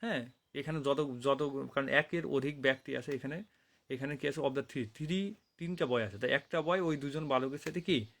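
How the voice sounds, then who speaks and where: A man from Bangladesh, a college English lecturer, explaining grammar to students in Bengali mixed with English terms, repeating key phrases, correcting himself often and reading definitions out slowly. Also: mid-range voice, vocal fry, a bit bright. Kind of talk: classroom grammar lecture over slides.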